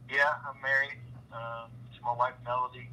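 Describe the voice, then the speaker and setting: A man in his forties from talks with a very bright, forceful edge at an ordinary pitch for a man. He rambles in a relaxed guest chat, stopping and restarting with lots of fillers. Faint noise sits under the recording. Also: normal speed, rough recording. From Kentucky, USA. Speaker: guest, car salesman and card collector. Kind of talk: casual interview on a live stream.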